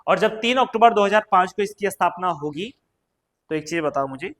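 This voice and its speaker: A high-voiced man teaching an exam-prep class. He keeps asking the class questions and answering them himself, peppering his lesson with little checks like "right?". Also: lively intonation, brisk, fairly bright tone. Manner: questions then answers himself, frequent "ठीक है" and "है ना". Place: coaching classroom or studio.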